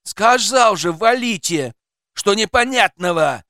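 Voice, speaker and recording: A man's voice: on the high side, measured pace, fairly bright tone, no echo, studio quality. A man reading aloud and voicing a hostile, paranoid gray-haired developer who snarls and barks at intruders. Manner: snarling, barking orders.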